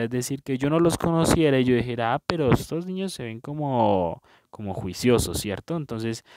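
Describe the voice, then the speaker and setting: A man's voice: medium pitch, background noise. Patient male teacher. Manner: patient, repeats "¿cierto?" and "¿listo?" often. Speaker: primary school teacher. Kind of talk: recorded review lesson.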